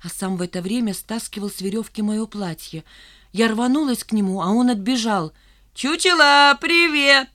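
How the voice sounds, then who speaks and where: A woman reading an audiobook aloud in first person, with expressive storytelling. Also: mid-range voice, brisk. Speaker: audiobook reader.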